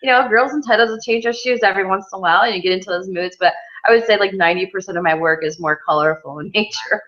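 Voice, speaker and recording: A woman's voice: medium pitch, quick pace, fairly bright tone. A woman artist from Western New York, chatting casually in an interview with lots of ums. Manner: chatty, many ums, laughs easily. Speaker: mixed media artist, guest. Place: outdoor art studio. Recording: dull lo-fi sound.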